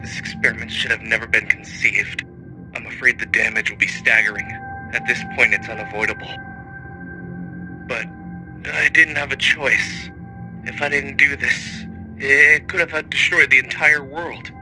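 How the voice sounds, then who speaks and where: A man playing a guilt-ridden research scientist in a video game drama, giving an earnest, halting, urgent warning. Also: medium pitch, fairly even intonation, over music, lightly acted, low-quality recording. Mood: dread, regret.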